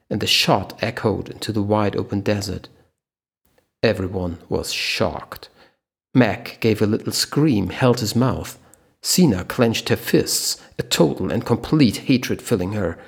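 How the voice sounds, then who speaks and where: A man reading a thriller aloud in steady audiobook narration. His voice is low and gravelly, with a husky grain.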